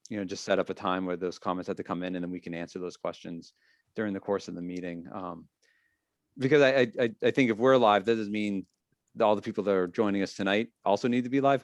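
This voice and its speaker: A man with a fairly low voice leads a public meeting discussion. He explains in a halting, repetitive way, and the sound is very dry and close. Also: dry recording. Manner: halting, repeats phrases, explanatory. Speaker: meeting leader, school official.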